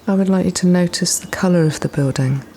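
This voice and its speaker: Woman, deep gravelly-edged soft voice, near-whispered at times, soothing guided meditation narrator. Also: a little hiss or hum. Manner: soothing, gently instructing, unhurried pauses. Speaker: guided relaxation practitioner.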